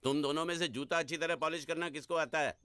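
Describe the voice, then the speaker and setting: An actor playing a stern, stingy rich landlord in a film comedy, gruff and commanding. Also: male voice, a little high, steady tone, quick pace, sharp tone, slight background noise.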